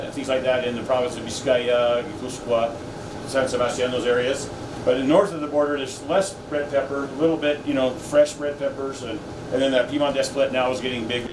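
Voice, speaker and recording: A man's mid-pitched voice comes from a distance in a noisy room. He is a chef talking through an informal cooking demonstration. His explanations ramble and halt in a folksy way. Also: reverberant.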